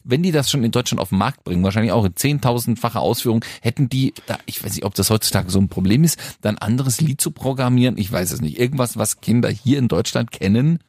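A man's voice: mid-range voice, lively intonation, fast talker, few pauses, darkish tone, dry recording, clean studio sound. A man co-hosting a casual chat, making wry jokes and conspiratorial asides. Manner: wry, joking conspiratorial banter. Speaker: podcast co-host.

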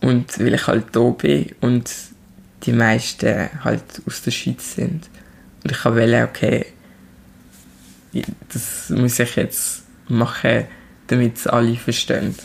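Gravelly young Swiss woman, animated. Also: a bass voice, takes it slowly. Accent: Swiss German. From Switzerland. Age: 20s. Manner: direct, animated, emphatic. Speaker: musician guest. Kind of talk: casual chat.

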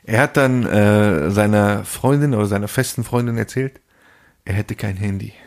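A man's voice: lowish voice, moderate pace. A man co-hosting a podcast, telling a story in a casual, slangy way and acting out the people in it. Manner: animated storyteller, acts out phone calls, slangy. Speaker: podcast co-host.

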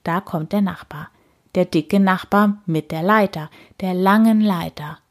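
A woman reading a children's story aloud, slow and expressive with deliberate repetition. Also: on the low side.

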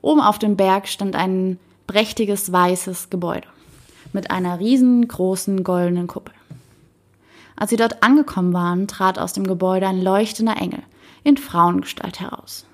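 Woman softly reading a storybook aloud. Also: medium pitch, fairly even intonation, moderate pace. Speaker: narrator.

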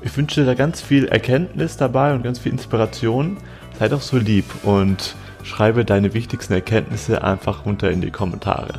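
Low-voiced guy hosting a podcast, chatty and upbeat, faint music under him. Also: steady tone, normal speed, darkish tone. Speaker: podcast host. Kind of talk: podcast interview.

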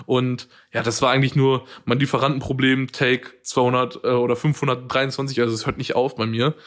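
A young man co-hosting a podcast, chatting casually and telling lively stories in which he acts out both sides of each conversation. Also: medium pitch, brisk. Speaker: podcast co-host. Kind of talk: casual chat.

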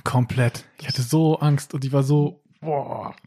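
Young male co-host, casual storyteller, acts out the people in his stories with big jumps in pitch, mid-pitched voice. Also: normal speed, no room sound. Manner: animated storyteller acting out quotes with jumps in pitch. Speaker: podcast co-host telling a story. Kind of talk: casual chat.

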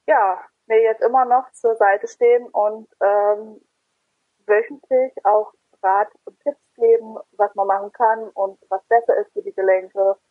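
A hesitant woman in her twenties answers interview questions, pausing often to gather her words. Her voice is husky. It comes through a dry, tinny phone line. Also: a little high, no echo. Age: 20s. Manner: hesitant, frequent ums. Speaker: interview guest.

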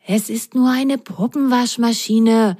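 A woman voicing Ron, a cautious and calm little boy sock in a children's storybook, speaking in a hushed, reassuring way. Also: fairly high pitch, slow, voice pushed up.

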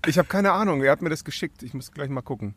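A man's voice: on the high side, expressive, fast talker, fairly bright tone. A man who works as a voice actor, chatting casually and laughing often. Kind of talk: casual chat.

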